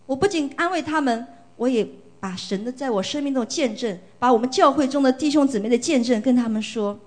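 A woman's voice: sits high, animated, fairly quick. Earnest woman sharing a church testimony. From China. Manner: earnest, emotional, repeats phrases for emphasis. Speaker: church member giving testimony.

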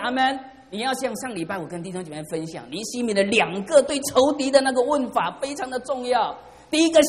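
His voice sits high but has a darkish tone. He is a middle-aged man preaching as pastor in a church hall, fervent and calling on the congregation to respond, and the room's reverb fills the recording.

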